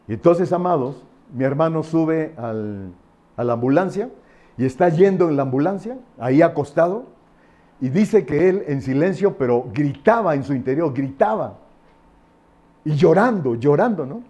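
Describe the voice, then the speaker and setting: A man's voice: fairly high pitch, animated, moderate pace, warm tone. A male pastor giving a sermon with a personal testimony, emphatic and repetitive, with frequent fillers and tag questions.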